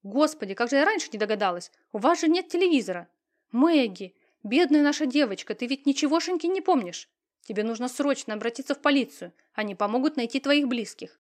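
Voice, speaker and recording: A woman voicing a fussy, chattering landlady in an audiobook, talking in quick bursts. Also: sits high, lively intonation, voice pushed up. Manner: rapid chatter.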